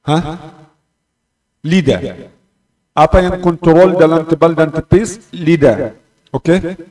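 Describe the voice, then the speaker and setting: Male Quran teacher, slightly high-pitched, deliberate syllable-by-syllable demos; distant mic in an echoey room. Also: a little mellow. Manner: slow and patient, repeating letters and syllables to demonstrate pronunciation. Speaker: tajwid teacher. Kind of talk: Quran recitation lesson. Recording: roomy echo, distant mic.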